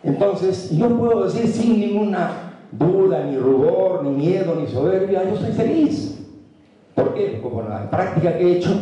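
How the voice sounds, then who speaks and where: A man giving an animated motivational talk to a university audience, repeating words for emphasis. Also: a little high. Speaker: motivational speaker. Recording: echoey hall, speaker far from mic.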